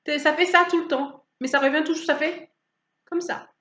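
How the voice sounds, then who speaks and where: A woman preaching a sermon in an animated way, asking rhetorical questions and acting out people's attitudes. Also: high-pitched, normal speed. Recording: roomy, slightly dull recording.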